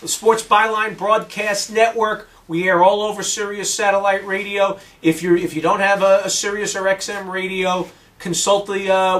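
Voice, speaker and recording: A man's voice: high-pitched, fairly bright tone, recorded from a distance. A man giving opinionated sports analysis in a casual podcast chat, talking with energy. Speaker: sports radio host and regular guest.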